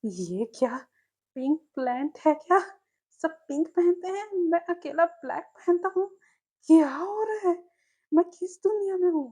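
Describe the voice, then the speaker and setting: A woman voicing a hot-tempered young man who shouts indignantly in a storybook reading. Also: very high-pitched, expressive, unhurried, pitched above the performer's own voice. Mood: exasperated. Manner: loud, indignant, stammering.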